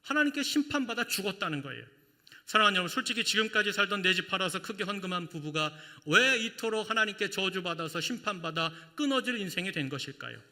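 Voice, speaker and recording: Bright-voiced pastor in a reverberant church. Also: male voice, high voice, fast. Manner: animated, acts out voices and rhetorical questions. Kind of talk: sermon. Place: church sanctuary. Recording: church hall with long reverb.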